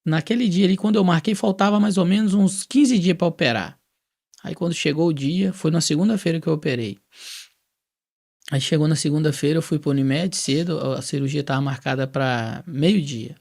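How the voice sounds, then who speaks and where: Gravelly Brazilian man telling a story. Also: fairly high pitch, brisk. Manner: lively storyteller who acts out quoted dialogue. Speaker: guest telling his testimony. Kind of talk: casual storytelling testimony.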